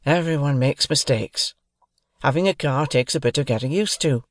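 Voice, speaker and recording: A man voicing a young miner in his twenties who talks in a calm, reassuring, easygoing way. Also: mid-range voice, moderate pace, no room sound, studio quality, natural voice.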